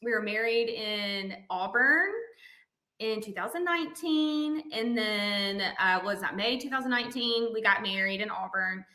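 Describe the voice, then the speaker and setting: A woman in her thirties from Alabama with a Southern accent, telling stories as a podcast guest in an animated way, laughing often. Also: medium pitch, unhurried, roomy sound, poor audio. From Montgomery, Alabama. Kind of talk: casual interview chat.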